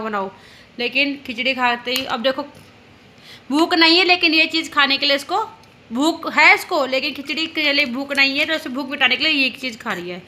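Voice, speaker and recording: Young mom vlogger, high and very bright voice, chatty and teasing, recorded at home. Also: female voice, slight background noise. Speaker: vlogger and mother. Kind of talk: casual home vlog chat.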